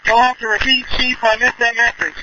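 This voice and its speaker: Over a dull, noisy two-way radio comes a man's very high-pitched voice. He is a firefighter sending urgent reports in short, halting bursts. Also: little pitch movement. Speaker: firefighter on an interior crew.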